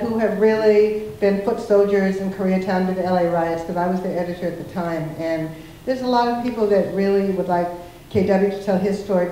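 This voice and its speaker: A woman's voice: mid-range voice, a little mellow. An older woman giving an informal speech at a community forum into a handheld microphone. She talks animatedly, laughs often and restarts her sentences. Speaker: invited speaker at a community forum. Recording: very echoey hall, faint noise.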